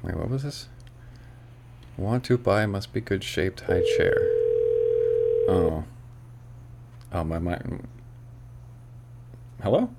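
A man's voice: low-pitched, takes it slowly, pauses often, background noise. A man streaming live, chatting casually to viewers and grumbling and swearing when his calls go unanswered. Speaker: streamer making phone calls. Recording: clear music playing behind the voice. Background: music playing.

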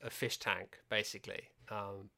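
A man's voice: lowish voice, fairly even intonation, normal speed, creaky, pushed and bright. A man from England co-hosting a podcast, telling anecdotes in a wry, self-deprecating way. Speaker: podcast co-host. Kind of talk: casual chat.

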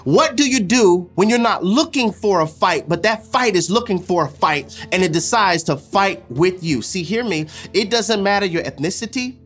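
Over music, a preacher with a husky, mid-pitched voice and lively intonation gives an impassioned sermon. He is emphatic and repetitive, swinging between forceful exhortation and hushed, deliberate lines.

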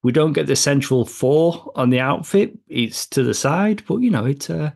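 A man co-hosting a comics film podcast, talking casually and a little haltingly about a movie. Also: a little high, creaky, a little mellow. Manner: chatty, with filler and restarts. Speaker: podcast co-host.

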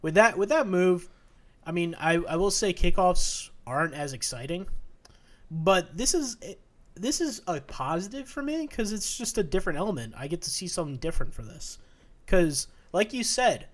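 A young man co-hosts a sports podcast in relaxed, everyday chat. He stops and restarts his sentences often and leans on fillers. His voice sits slightly high for a man. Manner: halting, many restarts and fillers. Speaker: podcast co-host.

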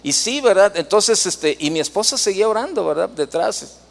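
A man's voice: high voice, animated, normal speed, vocal fry, long reverb tail. A man preaching a sermon, telling a personal story in a conversational way, full of fillers and tag questions. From Mexico.

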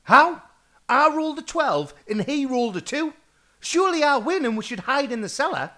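A man's voice: very high-pitched, very animated, a little fast, bright, forceful tone. A man in his thirties, complaining and grumbling as a player in a tabletop game. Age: 30s.

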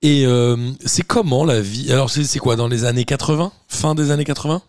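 A man hosting a casual interview podcast, chatty and relaxed, asking many questions. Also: mid-range voice, a little fast, no echo, studio quality. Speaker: podcast host.

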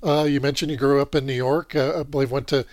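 A man's voice: medium pitch, steady tone, fast, a little mellow, no room sound, clean studio sound. A man hosting an interview, easygoing, with brief acknowledgments. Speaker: interview host. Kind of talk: radio interview.

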